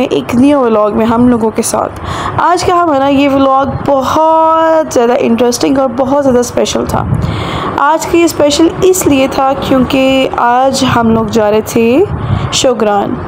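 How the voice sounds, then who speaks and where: A travel vlogger in her thirties, with a Pakistani Urdu accent, narrates her road-trip vlog in a chatty voice-over. Her high voice is hoarse from a sore throat, she repeats phrases for emphasis, and the background is noisy.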